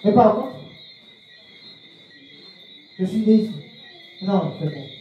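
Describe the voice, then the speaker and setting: A Frenchman, a speaker for a spiritual movement, gives a public talk on spiritual practice, posing questions to the audience and repeating key phrases. His voice sits high with lively intonation and a slow pace, and the audio sounds dull. He is far from the mic in a very echoey room, with faint noise.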